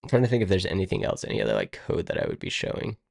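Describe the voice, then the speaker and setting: A man's voice: deep voice, huge pitch swings, rapid-fire, vocal fry, no room sound, studio quality. A man live-streaming his coding work, thinking aloud in a rambling, casual way and muttering to himself as he goes. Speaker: live-streaming web developer.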